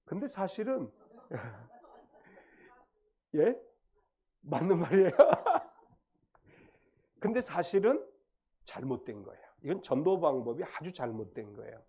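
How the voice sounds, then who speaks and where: A male pastor preaching in a church, his somewhat high, mellow voice swinging widely in pitch as he stresses and then drops his lines. The recording is dull and lo-fi. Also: sing-song, measured pace, pauses often, slightly rough. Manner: explaining word meanings, rising and falling emphasis. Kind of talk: sermon. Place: church sanctuary.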